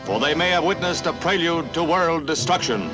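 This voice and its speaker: A 1950s newsreel announcer, a man with a slightly high voice, delivering each line in a brisk, punchy style. Loud music plays under his narration throughout. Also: lively intonation. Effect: old newsreel recording.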